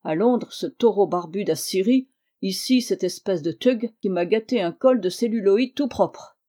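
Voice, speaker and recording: A woman narrator plays a short, stout male reporter, indignant and flustered, his storybook lines raised and louder. The voice keeps a warm, mellow timbre. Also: mid-range voice, moderate pace, lightly acted.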